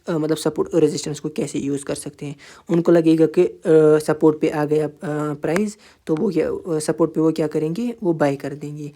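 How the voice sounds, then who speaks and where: A man's voice: on the high side, mellow. A man giving a casual screen-share trading tutorial, talking informally and repetitively straight to the viewer, with many fillers.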